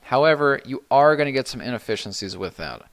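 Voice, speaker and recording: A middle-aged man hosting a live stream, answering viewer questions in a relaxed, rambling way with many restarts. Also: mid-range voice, brisk. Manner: relaxed, rambling, frequent restarts and "you know". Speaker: livestream host answering chat questions.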